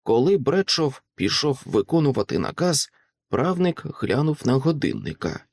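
A man narrating an audiobook in a dramatic, expressive reading style on a close microphone. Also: medium pitch, normal speed, creaky, dry recording. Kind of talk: scripted literary narration.

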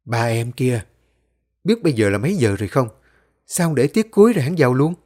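A man's voice: medium pitch, animated, brisk, a little mellow, close to an everyday voice. A man doing a stern scolding teacher. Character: stern female schoolteacher scolding.

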